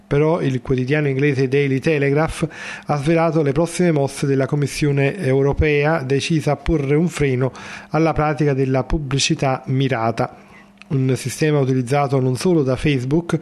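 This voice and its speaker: A man's voice: medium pitch, a little mellow. A man working as a radio host, presenting and reading news.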